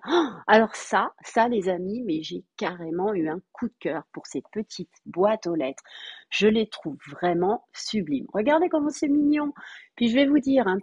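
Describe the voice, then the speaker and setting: Brief: middle-aged woman vlogger, bubbly haul chat, slightly husky, dry close sound. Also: medium pitch, darkish tone, dry recording, lo-fi sound. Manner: gushing, bubbly, breaks into little sung bits. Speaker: vlogger showing store finds. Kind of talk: enthusiastic product haul chat.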